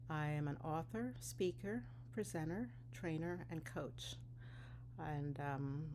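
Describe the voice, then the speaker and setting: A middle-aged woman from Ghana leads a webinar as a dentist and coach, in a low, mellow voice. She moves through her prepared material at a measured, deliberate pace. Her delivery stays steady and even from point to point. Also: slight background noise. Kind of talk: scripted webinar presentation.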